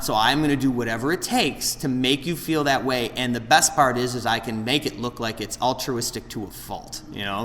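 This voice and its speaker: At a recovery meeting, a late-thirties man opens up candidly and pokes fun at himself, wandering and restarting as he goes. His mid-range voice has a fairly bright tone, recorded in a roomy meeting hall with an audience and a little background noise.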